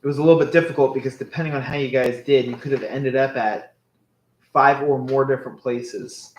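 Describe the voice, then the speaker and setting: A man's voice: medium pitch, steady tone, a little fast. A man running a tabletop game as game master, talking casually to the players. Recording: echoey room, faint background noise.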